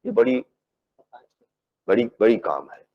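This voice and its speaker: In this academic lecture, a male philosophy professor explains methodically, repeats words while looking for the right phrasing, and uses English technical terms. His medium-pitched voice is gravelly with wildly swooping pitch, and the recording is muffled.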